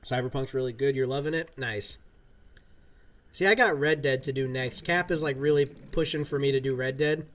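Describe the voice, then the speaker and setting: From the gaming room in his home, a thirty-something streamer chats while playing, rambling easily with plenty of fillers. His voice is mid-range and a bit bright, at a moderate pace.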